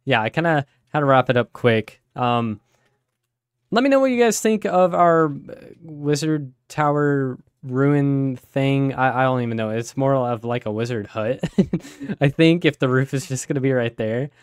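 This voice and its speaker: Male gaming host, mid-range voice, hoarse and fading; casual play-by-play, dry recording. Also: mid-range voice, a little slow, dry recording. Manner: chatty, easily surprised exclamations. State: raspy, voice giving out. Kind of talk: casual Let's Play commentary.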